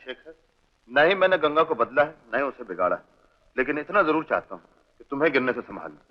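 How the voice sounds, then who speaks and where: A man's voice: mid-range voice, expressive, quick pace, lightly acted. An actor playing a loyal orphaned male friend in a 1960s film, comic at times and pleading at others. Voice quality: comic, then pleading and emotional. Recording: muffled old film soundtrack with score.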